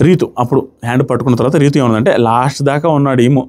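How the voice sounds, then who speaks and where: A man's voice: medium pitch, racing, a little mellow. A man reviewing a reality show episode in a mocking, indignant commentary, acting out the crying he describes. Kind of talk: animated commentary.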